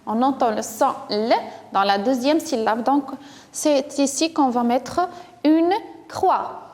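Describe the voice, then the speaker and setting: Slow, patient high-voiced woman teacher. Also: a little mellow, big-room sound. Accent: Moroccan. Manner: slow, patient, encouraging, repeating words syllable by syllable. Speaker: primary school teacher. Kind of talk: first-grade French phonics lesson.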